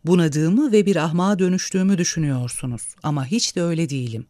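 A man's voice: a little high, quick pace, dark tone, no echo, studio quality, lightly acted. Caroline, a man voicing a bossy old dame. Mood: scornful tirade. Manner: scolding, commanding, scornful. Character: imperious, sharp-tongued rich old woman.

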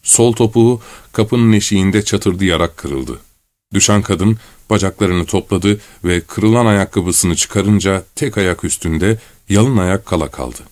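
A man with a low voice reads a literary story aloud in a measured, unhurried storytelling manner. The recording is dry and close, with no room echo at all. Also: darkish tone. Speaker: audiobook narrator. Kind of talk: scripted literary narration.

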